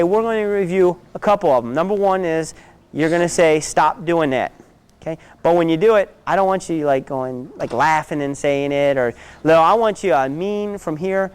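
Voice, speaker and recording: A man's voice: sits high, a little fast, smooth. A man teaching a self-defense class, giving direct instructions and often checking in with "okay?".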